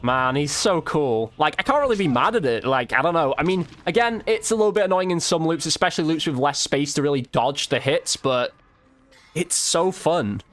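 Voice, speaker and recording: This YouTube host and game streamer speaks at a normal speed in a slightly high, expressive voice with a fairly bright tone. He chats casually during live play, reacting with exclamations and slang.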